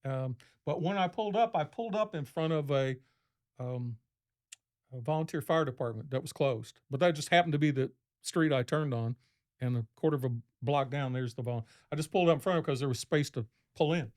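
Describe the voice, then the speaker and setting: A man's voice: on the high side, brisk, a little mellow. A man, a podcast guest, telling a long story casually, rambling and acting out what people said. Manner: rambling, acts out quoted speech in a raised voice.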